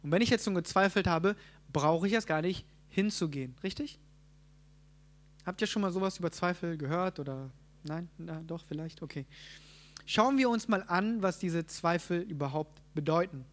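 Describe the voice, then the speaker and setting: A man with a high voice preaching a sermon, teaching as he goes and putting questions to the people in front of him. He talks casually, with quick asides and rhetorical checks like "right?".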